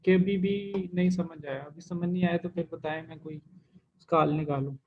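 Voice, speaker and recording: A man teaching a lesson, walking through each exercise patiently and pausing on fillers. His voice sits a little high. The recording sounds dull and lo-fi. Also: fairly even intonation. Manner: patient, stepwise explaining with many fillers. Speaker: language teacher.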